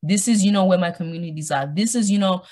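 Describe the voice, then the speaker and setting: A young woman born in Zimbabwe and living in Australia speaks quickly in a fairly low voice as a podcast guest. She tells stories animatedly in a casual interview, acting out imagined dialogue and using colloquial slang.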